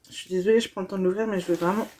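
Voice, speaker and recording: Young woman, casual unboxing vlogger, gushing and chatty, tired tone, medium pitch. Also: steady tone, rapid-fire, darkish tone, slight background noise. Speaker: vlogger unboxing a gift box.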